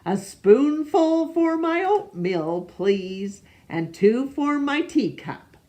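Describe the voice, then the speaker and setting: A woman voicing a gentle, polite old male zookeeper from a children's storybook, in a mild, courteous way. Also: sits high, sing-song, slow pace, voice pushed up, heavily acted.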